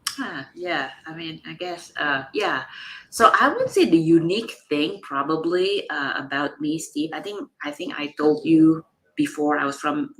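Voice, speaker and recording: Low-voiced woman from Indonesia, reflective. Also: animated, a little slow, poor audio. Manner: reflective, frequent "you know" and "like" fillers. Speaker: guest executive. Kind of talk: conversational interview answer.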